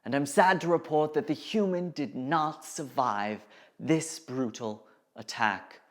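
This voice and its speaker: A woman's voice: deep voice, a little slow. A woman presenting a scripted mock nature documentary in a grave, dramatic manner. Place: studio. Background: background music.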